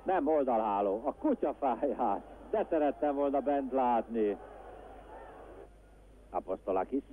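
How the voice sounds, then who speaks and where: A man giving excitable, exclamatory live football commentary, openly rooting for his side. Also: mid-range voice. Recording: tinny phone-like archive broadcast, noisy.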